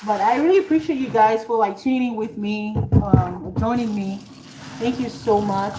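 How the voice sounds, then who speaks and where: The sound is very noisy, roomy and distant, with tap water running, as a Nigerian woman speaks in a mid-range voice at a moderate pace. She's an author casually livestreaming from her kitchen, cooking and rambling to her viewers.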